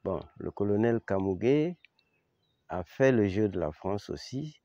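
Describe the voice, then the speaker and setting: An older man with a Chadian accent giving an informal historical account, halting and searching for words, yet emphatic with the listener. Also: lowish voice, animated, warm tone, no room sound, muffled recording. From Chad. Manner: halting, with repeated words and long searching pauses. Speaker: eyewitness commentator on history.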